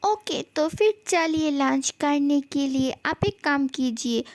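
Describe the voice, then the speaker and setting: A woman's voice: high voice, lively intonation, slow pace, noisy background. A woman reading a fan love story aloud, giving every character's lines in much the same voice.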